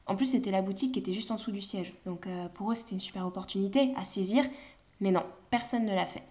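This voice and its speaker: Young woman, mid-pitch, relaxed conversational storyteller. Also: fast. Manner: emphatic, hesitant storytelling. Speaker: former retail saleswoman. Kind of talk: casual chat.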